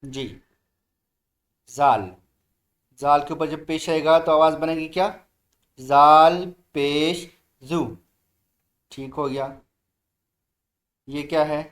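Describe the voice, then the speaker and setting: A man leads a recorded Quran reading lesson. He sounds out each letter slowly and deliberately in a fairly high voice, with quicker asides telling the learner to speak up. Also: little pitch movement. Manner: slow drawn-out letter drills, brisk asides to the student; urges the learner to read aloud.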